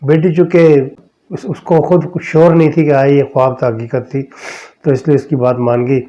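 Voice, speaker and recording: Male podcast storyteller, deliberate pacing, warm low tone, muffled recording. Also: little pitch movement. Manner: slow, measured storytelling with drawn-out pauses. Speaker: storyteller host. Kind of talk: narrating a true horror story.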